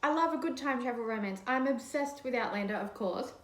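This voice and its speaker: A woman's voice: fairly high pitch, a little fast. A woman in her thirties chatting casually and gushingly to camera while eating, chewing as she talks, in a living room. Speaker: mukbang vlogger. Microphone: camera across a coffee table. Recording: roomy echo.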